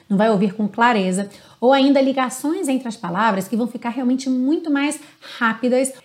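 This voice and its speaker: A woman's voice: on the high side, darkish tone. A woman with a Brazilian accent, an English teacher explaining lyrics and pronunciation patiently in an online lesson.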